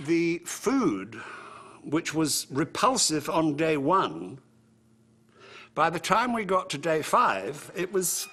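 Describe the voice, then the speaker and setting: Role: wry actor. Style: reminiscing interview. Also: male voice, a little high, big pitch swings, slow, fairly bright tone, slight background noise. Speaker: actor recalling a film shoot.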